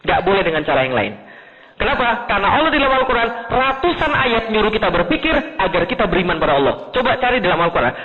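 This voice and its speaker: A man from Indonesia giving an animated Islamic lecture to an audience, swinging between high emphatic lines and low asides and asking rhetorical questions. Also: quick pace, crowd noise. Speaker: preacher. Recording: tinny lo-fi recording in a large hall.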